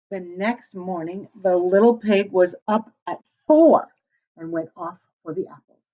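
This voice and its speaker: A middle-aged woman teacher reading a storybook aloud to children and stopping to explain words. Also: mid-range voice. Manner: warm, explaining word meanings to children. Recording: slightly dull lo-fi recording.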